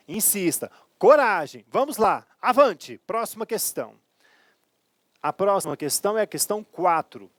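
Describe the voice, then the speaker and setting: Emphatic Brazilian grammar teacher. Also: male voice, sits high, no room sound. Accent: Brazilian Portuguese. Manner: emphatic, checks in with "ok?" and "certo?". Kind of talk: exam-prep grammar lesson.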